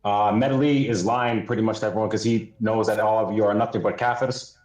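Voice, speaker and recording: A man's voice: lowish voice, fairly even intonation, fairly quick, a little mellow, reverberant, poor audio. A US-raised man of Somali background making a blunt argument on a debate panel, stopping often with "uh". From United States, Somali family. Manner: hesitant, many "uh"s, blunt. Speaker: panel caller.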